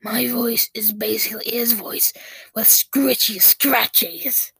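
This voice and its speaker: A woman's voice: fairly high pitch, fairly even intonation, slow, creaky, sharp tone, breathy edge, no room sound, heavily acted. A woman voicing a scratchy, whispering villain who plots to take over the podcast, talking in a menacing, smug way.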